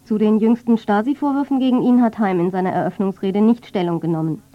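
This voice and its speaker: A woman's voice: mid-range voice, steady tone, fast. A woman reading scripted radio news in a factual, neutral manner. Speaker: radio newsreader. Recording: dull, band-limited medium-wave radio.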